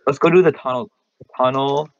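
A man's voice: medium pitch, fairly even intonation, a little fast, creaky. A man chatting casually as a co-player in an online game. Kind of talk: casual gaming chat. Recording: muffled lo-fi mic, keyboard clicks.

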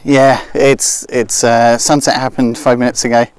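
A man's voice: mid-range voice, level tone, normal speed, clear, resonant tone, no room sound. A man, a landscape photographer chatting casually to viewers on a live stream, in a wry, rambling way with joking asides. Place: open heath outdoors at dusk.

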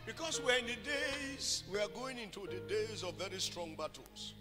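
A man preaches fervently into a pulpit microphone, his high voice rising into loud sung cries. His voice rings through a hall with a long reverb. Music plays clearly behind him. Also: normal speed. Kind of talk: sermon.

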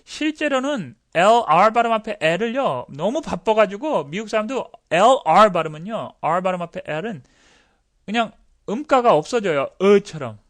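A fairly high-voiced man teaching a recorded pronunciation lesson. He gets excited, repeats each word many times with exaggerated mouth sounds, and chuckles at himself. He is heard close up on a desk microphone. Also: measured pace. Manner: animated, drills words over and over with exaggerated sounds; excitable, laughs at himself and apologizes.

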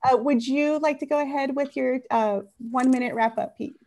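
A woman moderating an interview, speaking politely and quickly as she keeps time. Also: sits high, darkish tone.

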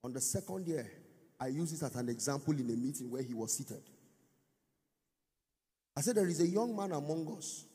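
A man preaching a conference sermon, his fairly high voice lifting into sung, climbing lines as he presses each point and calls for the crowd to answer. The sound carries the long reverb of a big hall. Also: animated, moderate pace, long pauses, dark tone. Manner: preaching with sung, rising emphatic phrases and call-and-response. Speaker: pastor. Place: large church or conference hall.

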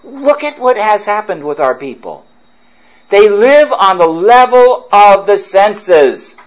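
A priest preaching a retreat sermon, fervent and emphatic, drawing his phrases out slowly. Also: high-pitched, big pitch swings, dull audio.

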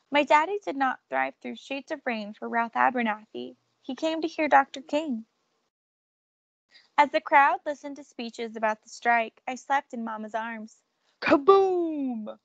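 A woman's voice: on the high side, creaky, no room sound, lo-fi sound. A woman reading a picture book aloud, telling the story expressively and raising or dropping her volume for drama. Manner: expressive, shifts loudness for drama. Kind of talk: read-aloud storybook narration.

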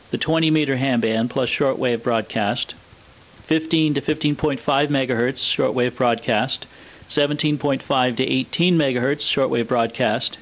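The presenter of a vintage radio equipment video, a man with a mid-pitched, slightly bright voice, delivers scripted explanatory narration. He lays out technical details in a methodical, matter-of-fact, orderly way, and the recording is rough.

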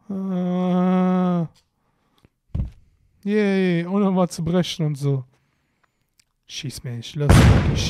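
A young man talking through a video game in an unhurried way, with a slightly high voice. He exclaims often and mutters to himself between the cries. His voice is recorded close and dry, with no room sound. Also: mellow, dry recording. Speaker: let's play commentator. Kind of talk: casual gameplay commentary.

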